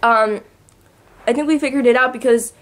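A woman's voice: on the high side, normal speed. A teenage girl guesting on a casual podcast, telling stories chattily and laughing along the way. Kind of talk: casual storytelling.

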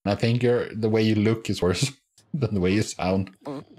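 A man's voice: fairly low pitch, moderate pace, a little mellow. A man hosting a reaction video, making wry, chuckling asides. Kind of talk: casual reaction commentary.

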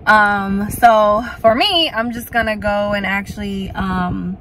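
A woman talks to her phone camera from her car seat, chatty and relaxed, dropping "like" and "y'all" all the time. Her pitch sits in the middle, and a faint hum of the car and the street runs under her voice. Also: takes it slowly, rough recording. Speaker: vlogger. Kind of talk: casual vlog chat to camera. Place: parked car. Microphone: phone camera at arm's length.

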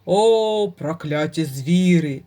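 A woman's voice: low voice, animated, slow pace, dark tone, soft background music, voice pushed down. A woman voicing a furious, hungry male bear lord who roars and blusters in a storybook tale. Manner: roaring, blustering.

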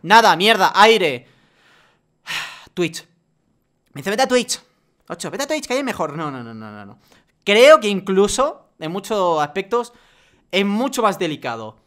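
A man delivers a profane, exasperated vlog rant. His voice sits a little high and rings bright and forceful. He swings between loud outbursts and low muttering. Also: very animated, measured pace, pauses often. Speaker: YouTuber. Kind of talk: ranting vlog monologue.

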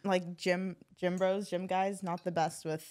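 A woman's voice: fairly low pitch, level tone, a little slow, darkish tone. A woman in her twenties chatting casually on a podcast. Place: small indoor podcast studio. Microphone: boom podcast microphone.

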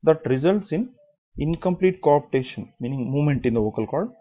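A man's voice: a little high, lively intonation, a little fast, breathy edge, narrow, tinny audio. A man giving a medical lecture, explaining step by step, repeating key terms and asking then answering his own questions.

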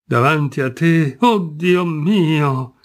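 Brief: male reader doing a distraught noble gentleman from a storybook, anguished and ashamed, voice pitched up. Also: drawn-out words. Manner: anguished, exclaiming, voice rising high.

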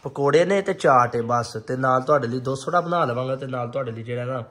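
A man's voice: medium pitch, brisk, a bit bright. A man, chatting casually as a family vlogger, teasing and talking straight to his viewers. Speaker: vlogger, husband and father. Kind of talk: casual family vlog chat.

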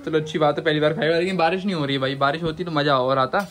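A man's voice: on the high side, steady tone, racing, fairly bright tone. A young man casually vlogging with his family, teasing and chatty as he talks to his viewers. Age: young adult.

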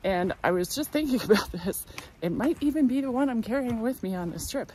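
Fairly high-pitched and lively, a touch fast and a touch mellow, a woman in her thirties narrates her forest hike into a phone held out at arm's length. This thru-hiker vlogger keeps it casual, chatty and wry, though breathy from walking. A little hiss or hum is audible.

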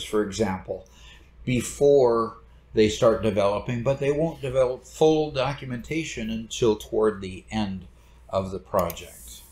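A middle-aged man giving a recorded lecture over slides from a home study, explaining in a relaxed way at a desk camera. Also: mid-range voice. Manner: relaxed explanatory, gestures with hands. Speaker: instructor. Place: home study with bookshelves, indoors. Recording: roomy echo.

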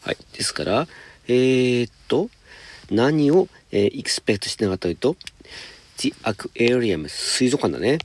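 A man teaching high school English, patiently explaining homework step by step and reading example sentences slowly. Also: expressive, darkish tone, slight background noise. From Japan.

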